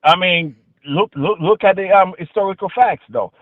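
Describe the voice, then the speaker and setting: A man with a Queens New York accent calling in to argue politics casually, halting and repeating himself with slangy filler phrases. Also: high-pitched, no echo. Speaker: caller. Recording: tinny phone-like call audio.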